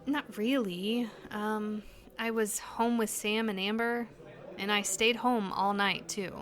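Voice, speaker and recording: An actress voices an uneasy but determined young woman in naturalistic audio drama dialogue, sounding hesitant, earnest, and questioning. Her medium-pitched voice is a bit bright, with fairly even intonation and a slow pace.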